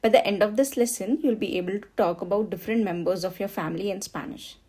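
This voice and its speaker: A woman from India teaches a slow beginner Spanish lesson, patiently saying each word twice so learners can follow. Her mid-range voice is dark in tone, and she speaks at a quick pace.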